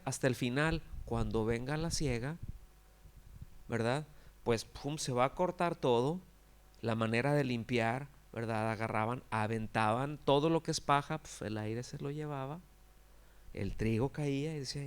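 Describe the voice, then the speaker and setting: Male pastor, mid-pitched, chatty preaching that keeps checking in with the congregation. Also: normal speed, clear, resonant tone. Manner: conversational preaching, frequent rhetorical questions; acts out quoted characters with exaggerated cries. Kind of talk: sermon.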